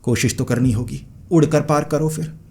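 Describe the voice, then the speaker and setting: A man's voice: medium pitch, moderate pace, a little mellow, close to an everyday voice. A man voicing a stern, proud old female witch leader who scolds and commands.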